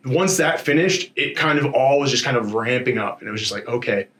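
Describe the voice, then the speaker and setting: A man speaking as a fighter in a casual post-fight interview, in an informal, rambling and animated storytelling way with slangy asides. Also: medium pitch, fairly quick. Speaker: MMA fighter being interviewed after a bout.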